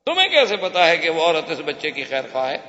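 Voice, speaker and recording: A man's voice: fairly high pitch, wildly swooping pitch, pushed and bright, heavily acted. A male preacher voicing a suspicious, commanding tyrant king who demands answers, in an echoey hall. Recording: echoey hall, dull lo-fi sound.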